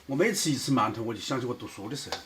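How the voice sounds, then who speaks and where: A man speaks in Sichuan dialect at a middling pitch, in the easy conversational style of a family vlogger. The home recording has clear noise behind him. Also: lively intonation, very fast, a bit bright. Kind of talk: casual vlog chat. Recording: noisy handheld home video.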